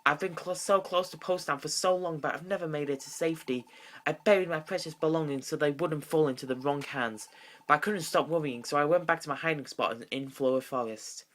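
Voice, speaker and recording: A remorseful female scholar creature telling her tale with hesitant earnestness, voiced by a man. The voice sits lower than his usual, in a fan-dubbed game. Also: brisk, fairly bright tone, lightly acted.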